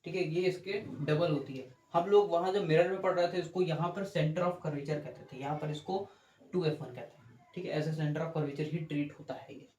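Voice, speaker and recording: In an echoey room with faint background noise, a man teaches a physics class while drawing on the board. His voice is fairly high and darkish, with a steady tone and moderate pace, as he explains step by step, asks checking questions, and corrects himself.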